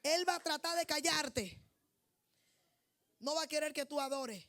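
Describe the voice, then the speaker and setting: A woman preacher with a high-pitched voice giving a fervent, declamatory sermon, often raising her voice to a shout. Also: measured pace.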